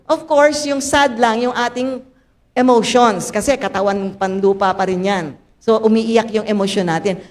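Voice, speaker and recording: An older woman with a Filipino accent preaches to her church congregation, and her voice sits a little high for a woman. She moves between Tagalog and English and tells her stories with sudden loud rises in pitch. She keeps calling on the listeners directly, asking them to raise their hands. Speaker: pastor. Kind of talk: sermon.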